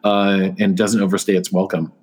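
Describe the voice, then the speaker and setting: A man's voice: low-pitched, level tone, moderate pace, a little mellow, slightly rough. A man in his thirties or forties chatting informally as an interview guest, thinking aloud as he goes. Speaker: guest, board game designer and artist. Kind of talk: casual interview chat.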